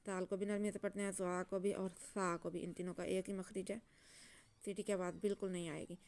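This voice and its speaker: A woman teaching Quran reading, chanting letters and syllables slowly, then explaining the rules in quick soft asides. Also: medium pitch, flat delivery, clean tone.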